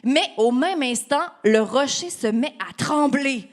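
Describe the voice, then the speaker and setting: A woman's voice: high-pitched, lively intonation, unhurried. A woman with a Québécois French accent reading a story to children at storytime, playful and chatty with her audience. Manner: playful, asks the children questions, laughs often. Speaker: storytime reader.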